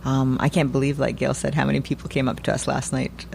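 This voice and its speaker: A woman's voice: a bass voice, level tone, quick pace, creaky, a little mellow, slight background noise. A woman speaking conversationally as a film guest in an interview.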